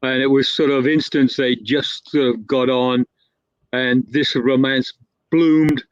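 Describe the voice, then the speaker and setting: A man with a medium-pitched voice, appearing as a guest storyteller, tells a long, casual, rambling anecdote packed with fillers, restarts and self-corrections. It sounds dull, dry and lo-fi, with no echo.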